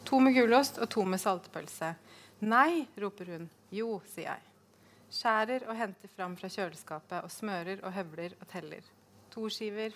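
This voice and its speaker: A woman reading aloud from her own novel, measured and deliberate, with sudden sharp outbursts in the dialogue. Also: on the low side, slight background noise. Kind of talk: literary reading.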